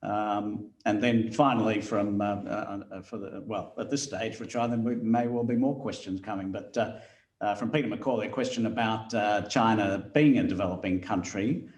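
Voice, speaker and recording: A man's voice: on the low side, fairly even intonation, normal speed, darkish tone, roomy sound. A man moderating a webinar, reading out audience questions hesitantly with many filler sounds.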